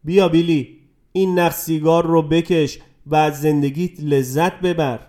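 A man's voice: fairly high pitch, fairly even intonation, mellow, lightly acted. A man reading a story aloud and voicing a scornful young woman who teases her date. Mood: taunting. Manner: mocking, needling.

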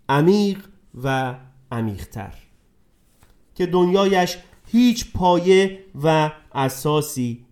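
Man narrating a story with dramatic swings. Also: on the high side. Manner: dramatic, swings between hushed and raised voice.

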